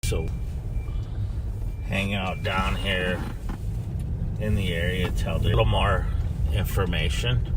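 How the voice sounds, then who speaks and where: American male patrol officer, slow matter-of-fact explainer, recorded at a distance amid heavy car noise. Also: low voice, fairly even intonation. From San Diego, United States. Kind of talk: casual explanatory talk.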